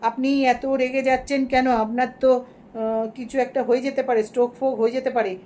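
A woman's voice: high voice, little pitch movement, fast talker, a little mellow, a little hiss or hum, natural voice. A woman playing an indignant female commenter who lectures and reproaches. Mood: reproachful.

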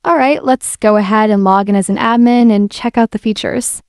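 A woman's voice: mid-range voice, moderate pace, smooth, no room sound, studio quality. A woman giving a casual, friendly, step-by-step voice-over walkthrough of an app. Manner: relaxed, friendly step-by-step explaining. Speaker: software demo presenter. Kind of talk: casual screen-recorded software walkthrough. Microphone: voice-over mic.

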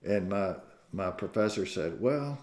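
Southern guy in his 60s preaching, folksy joking stories, low voice that goes up and down a lot. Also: lively intonation, measured pace, darkish tone. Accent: Southern American. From Southern United States. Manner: folksy storytelling with self-deprecating jokes. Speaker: pastor. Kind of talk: sermon. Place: church sanctuary. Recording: echoey church room.

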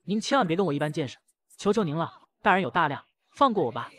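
Man voicing a groveling gang boss, stammering, pleading, fast, husky. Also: fairly high pitch, big pitch swings, a bit bright. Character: cowering male gang boss begging for mercy.

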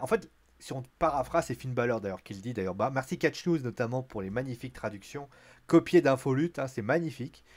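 Animated man recapping wrestling. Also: medium pitch. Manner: chatty, lots of fillers, acts out quotes in a raised voice. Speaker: wrestling show reviewer. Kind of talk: casual spoken recap.

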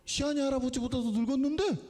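A man's voice: extremely high pitch, quick pace, warm tone. A man, a pastor, giving a playful children's sermon, quizzing and teasing the kids in a church. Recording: echoey church hall.

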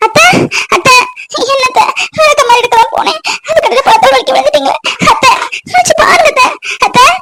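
A woman's voice: high voice, noisy background, close to an everyday voice. A woman voicing a young, dutiful daughter-in-law in a cartoon, wailing and pleading through tears. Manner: wailing, sobbing pleas. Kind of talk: cartoon voice acting.

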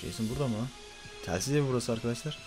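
A young man giving excited let's-play commentary, swinging between loud frantic outbursts and muttering to himself. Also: medium pitch, rapid-fire, over music. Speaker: gaming YouTuber.

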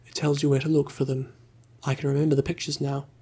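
A man voicing a naive, eager male tourist in a soft whispered role-play with a gravelly, husky voice. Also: a little high, level tone, quick pace. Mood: earnest.

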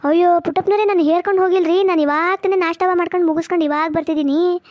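A woman's voice: extremely high pitch, fairly even intonation, very fast, no room sound. A woman voicing an anxious young male coconut vendor, in a cartoon, pleading with his neighbor. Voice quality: pleading, repeats the farmer's name. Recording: dull, lo-fi, dry.

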